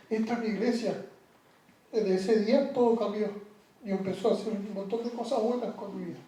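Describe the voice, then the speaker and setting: A man tells his personal story in an interview, his high, dark, mellow voice often stumbling over repeated words and sinking low. He sits away from the mic in a very echoey room, with faint music underneath. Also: recorded from a distance. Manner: halting, repeats words, trails off quietly. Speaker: interview guest.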